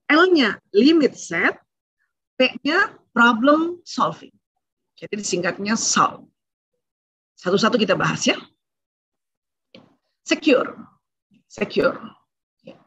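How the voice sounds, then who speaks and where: A woman's voice: fairly high pitch, a bit bright, husky, no room sound. A woman speaking at a parenting seminar in a chatty way, acting out the words parents should say to their children. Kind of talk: casual seminar talk. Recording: dull lo-fi recording.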